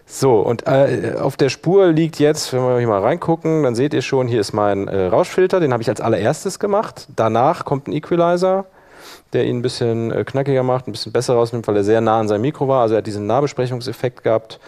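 Leading a workshop, this instructor demonstrates software live and informally, narrating his thoughts as he goes. He speaks at a medium pitch, expressively and fairly quickly.

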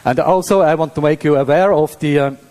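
A man's voice: on the high side, a little fast, darkish tone. Swiss German man lecturing in a reverberant hall. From Switzerland. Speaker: university professor, conference speaker. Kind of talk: technical conference lecture. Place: indoor hall at a tech conference.

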